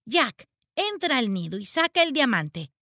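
A woman's voice: on the high side, big pitch swings, a little slow, pushed and bright, dry recording, clean studio sound, heavily acted. Woman doing Teddy, an eager boy apprentice wizard. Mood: scheming.

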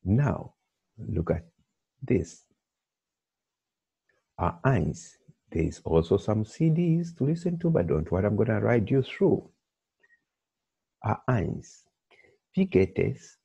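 A very low, gravelly male voice with a dark, husky tone, talking slowly through a textbook lesson. He explains patiently and keeps checking in with a rising "okay?". The recording is dull and lo-fi. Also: very animated. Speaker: language teacher.

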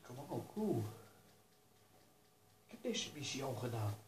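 A man giving casual commentary over his own racing game, talking to himself and urging himself to stay calm. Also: medium pitch, a little slow, roomy sound, low-quality recording. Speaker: gaming YouTuber.

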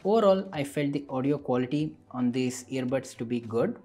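Faint music plays behind a man's scripted explainer-style tech product review. His mid-range voice is mellow with a slight roughness, expressive, and delivered at normal speed.

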